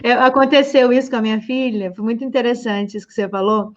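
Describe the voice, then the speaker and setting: A woman with a high voice tells a story with animation and acts out the dialogue in casual conversation. The audio is muffled and lo-fi. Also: steady tone, fast.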